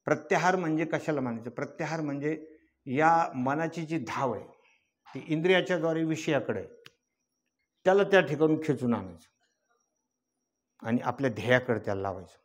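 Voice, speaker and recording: A man's voice: on the high side, animated, fairly quick, long pauses. An older man giving a devotional kirtan sermon, teaching in a folksy way, asking rhetorical questions and rising into chanted verse. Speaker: kirtan preacher.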